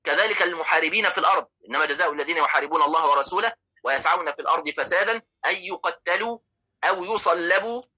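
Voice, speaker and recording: A man with an Egyptian accent teaches a religious lesson, breaking each point down and firing rhetorical questions at his listeners. His voice is tense and bright with a husky edge, and he sits a little above the usual male pitch. He talks at a racing clip. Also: poor audio. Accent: Egyptian Arabic. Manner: explanatory, poses rhetorical questions and checks in with listeners. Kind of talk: religious lesson explaining hadith.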